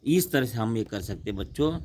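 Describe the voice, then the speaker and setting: A man teaching a class, slowly repeating words and asking and answering his own questions. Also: medium pitch, animated, darkish tone. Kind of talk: classroom lesson.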